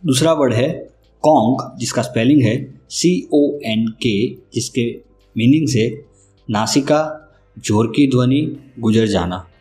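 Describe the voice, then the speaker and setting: A man giving a scripted vocabulary lesson, speaking slowly and deliberately and spelling words out letter by letter. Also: mid-range voice, dark tone. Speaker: vocabulary teacher. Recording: roomy echo with faint music.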